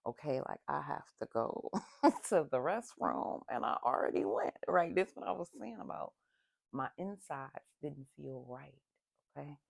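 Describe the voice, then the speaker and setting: A meditation guide leading an ASMR breathing session, giving slow, gentle instructions and sharing candid asides about their own feelings. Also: medium pitch, animated, gravelly, dry recording.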